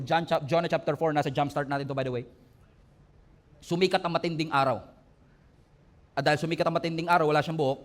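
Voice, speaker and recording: High-voiced man preaching a sermon. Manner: preaching in mixed Tagalog and English, rising to emphatic peaks; humorous storytelling with laughs. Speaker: pastor.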